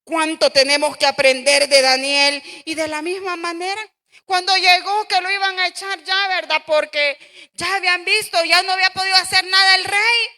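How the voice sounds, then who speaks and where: High, sharp-voiced Salvadoran woman preaching. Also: fairly even intonation, moderate pace, long reverb tail. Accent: Salvadoran Spanish. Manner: fervent, repeatedly addressing the congregation as brothers. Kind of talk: sermon.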